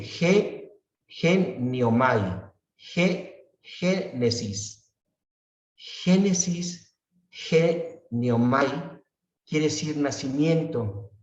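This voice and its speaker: A man leads an unhurried Bible class, checking in with his listeners and stretching out each word he repeats. His voice sits far from the microphone in an echoey church room, and the recording is dull. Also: mid-range voice, a little mellow. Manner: unhurried, often asks "¿verdad?" and draws out words he repeats. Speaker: Bible study teacher. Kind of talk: slow Bible class explanation.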